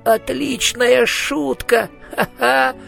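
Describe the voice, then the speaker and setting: Male narrator doing a high-strung wizard, fretful, quippy, voice raised. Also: big pitch swings, vocal fry, faint music behind, exaggerated voice. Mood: hysterical. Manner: high, fretful, quick to quip. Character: nervous, wry male wizard in flight.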